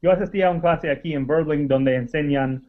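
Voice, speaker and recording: A man's voice: a little high, a little fast, phone-quality sound. A man practicing Spanish as a student, speaking carefully in non-native Spanish with small slips. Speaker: language student. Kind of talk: conversational practice.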